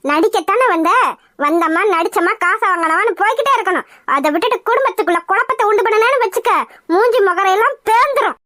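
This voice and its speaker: A woman voicing a sharp-tongued old mother-in-law in a village cartoon, scolding and threatening in a lowered voice. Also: fast. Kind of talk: cartoon voice acting.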